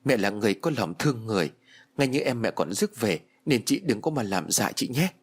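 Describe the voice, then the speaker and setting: A man's voice: fairly low pitch, lively intonation, brisk, breathy edge. A man voicing an earnest, anxious young pregnant wife who speaks with urgency in an audiobook. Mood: urgent pleading. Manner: urgent, pressing.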